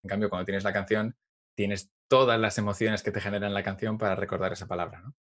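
A man's voice: fairly low pitch, fairly even intonation, fast, fairly bright tone. A man co-hosting a casual Spanish-learning talk, thoughtful and a bit hesitant, with light jokes. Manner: thoughtful, hesitant with fillers, jokey. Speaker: Spanish teacher podcast co-host. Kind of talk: casual teaching chat.

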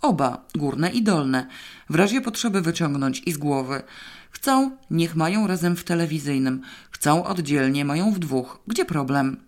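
A woman's voice: sits low, lively intonation, measured pace, a little mellow. Woman reading a sensible woman friend, decisive, matter-of-fact, audiobook character. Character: brisk practical woman friend, level-headed.

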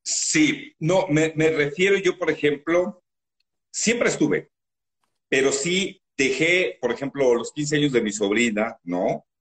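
A man with a Mexican accent, a guest in an interview, telling stories from his life in a loud, animated, emotional way. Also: on the high side, slow. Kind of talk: emotional storytelling.

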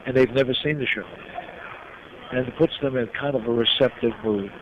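Older male guest from New York, reflective storyteller with frequent pauses; muffled lo-fi recording with steady noise behind. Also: mid-range voice. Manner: reflective, heartfelt, pausing often. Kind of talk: personal storytelling in an interview. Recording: dull lo-fi sound with clear background noise.

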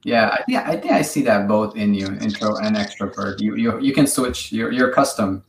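Friendly, halting male podcast host, lowish voice, roomy recording with faint hiss. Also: animated. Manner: friendly, halting with many fillers. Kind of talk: casual podcast chat. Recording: echoey room with faint noise.

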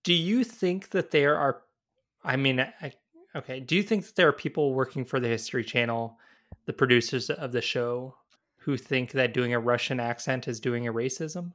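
A man's voice: mid-range voice, moderate pace, a bit bright. A man co-hosting a podcast, chatting casually in a wry, rambling way and often correcting himself mid-sentence. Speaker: podcast co-host. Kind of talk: casual chat.

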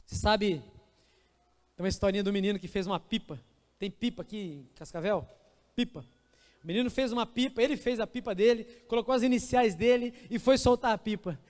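Brazilian pastor, really high voice, storytelling sermon, big echoey church. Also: male voice, a little fast, darkish tone. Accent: Brazilian Portuguese. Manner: storytelling, emphatic, acts out scenes. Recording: reverberant church hall.

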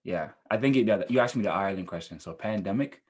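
A man's voice: on the low side, lively intonation, fast, darkish tone, husky. A man in his twenties co-hosting a podcast, laid-back and reflective, cheering his co-host on. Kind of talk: casual chat.

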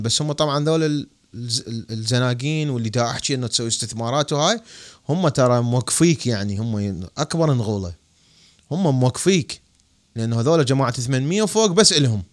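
A young man with an Iraqi Arabic accent hosting a casual podcast, talking about money in an animated, joking way with emphatic bursts. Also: mid-range voice, fast. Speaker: podcast host giving money advice.

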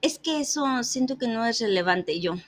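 Speaking at normal speed in a fairly high voice, a thirtysomething woman recounts an amusing story during a relaxed chat. She's lively, voicing the other person's dialogue herself and breaking into frequent laughter.

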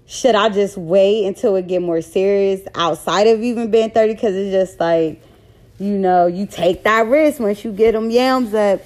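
Speaking directly into her podcast mic, a woman in her thirties gives a loose, unscripted solo monologue. She has an ordinary mid-pitched female voice and comes across as blunt and candid, often tripping over her words.

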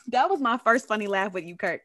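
Bright-voiced woman co-host. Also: medium pitch, expressive, normal speed. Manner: playful, chatty, laughs easily. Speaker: podcast co-host. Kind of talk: casual chat.

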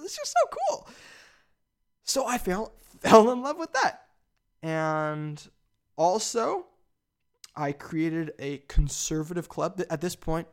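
Eager young man with a gravelly voice. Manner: eager and rambling, with big excited jumps in pitch. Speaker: podcast host. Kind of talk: solo podcast monologue.

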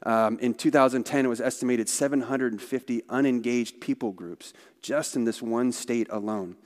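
A man's voice: mid-range voice, moderate pace. A man speaking for a missionary organization, telling stories in a conversational church talk with asides. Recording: long hall reverb.

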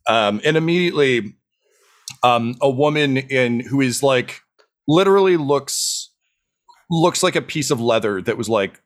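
A man's voice: medium pitch, normal speed. A man narrating as dungeon master in an improvised tabletop game, loose and full of fillers and chuckles.

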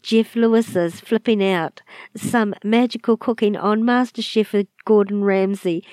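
A woman with a New Zealand accent introducing her podcast as host, sounding raspy and short of breath from a chest infection. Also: mid-range voice, fairly even intonation, measured pace, a little mellow, no echo.

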